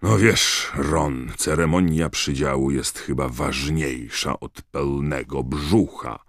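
A prim ghost gentleman, courteous with a touch of pomp, as a man puts him on in an audiobook. His voice stays deep and dark, recorded close with a dry sound. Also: takes it slowly, dry recording, full character voice. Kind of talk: audiobook character voice.

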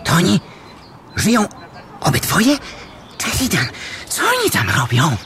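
An actor playing an anxious, curious young male elf with a high excitable voice. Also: a little slow, exaggerated voice. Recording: noisy recording.

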